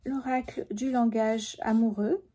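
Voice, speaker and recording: A woman in her fifties with a sore throat, speaking softly and sometimes whispering as she lays out a tarot reading. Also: fairly high pitch, fairly even intonation, a little slow, husky. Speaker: tarot card reader.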